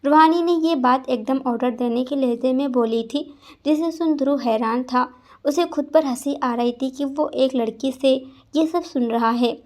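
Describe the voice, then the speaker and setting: A woman narrating a story in a steady, scripted reading voice. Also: high-pitched, normal speed. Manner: reads all roles in one steady voice.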